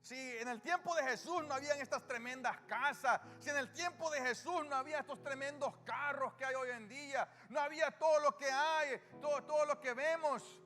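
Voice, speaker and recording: This male pastor has a Salvadoran Spanish accent and a very high, slightly bright voice, preaching at a moderate pace with hardly any pauses. He keeps posing questions to his congregation and answering them himself, call-and-response style, in a reverberant church hall with music.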